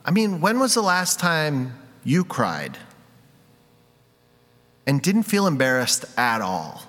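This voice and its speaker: A man's voice: fairly high pitch, sing-song, takes it slowly, a bit bright. A man giving a candid, confessional sermon, telling a personal story with self-deprecating laughs. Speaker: preacher. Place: church sanctuary. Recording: long reverb of a large hall.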